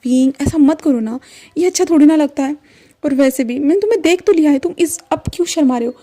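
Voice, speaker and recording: Teasing young husband, soft and coaxing, mellow tone, read by a woman narrator. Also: high-pitched, quick pace, voice pushed up, close to an everyday voice.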